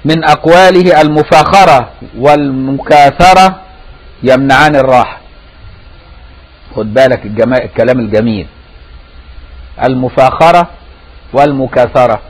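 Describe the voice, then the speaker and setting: Speaking at normal speed but with long pauses, a man with a mid-range voice and an Egyptian accent, a Sufi scholar, delivers a conversational religious lesson. He frequently tests his listeners' comprehension with rhetorical questions, captured on a rough recording.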